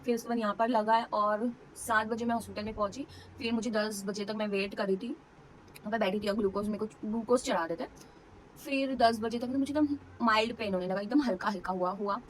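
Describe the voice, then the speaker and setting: A woman's voice: medium pitch, a little hiss or hum, low-quality recording. A young woman vlogger, casually telling a personal story to camera, emotional and full of fillers. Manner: chatty, emotional retelling with many fillers.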